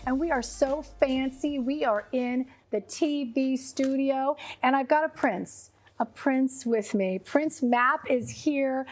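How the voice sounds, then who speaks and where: Upbeat higher-voiced woman host. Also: slow pace, hardly any pauses. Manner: upbeat, enthusiastic, chatty. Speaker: podcast host. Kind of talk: studio interview podcast. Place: TV studio.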